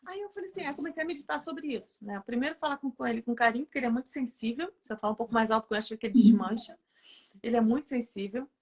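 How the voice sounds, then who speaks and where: A woman telling a personal story as a guest in a casual, spiritual chat. She talks in an animated way and laughs often. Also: a little high, rapid-fire, husky.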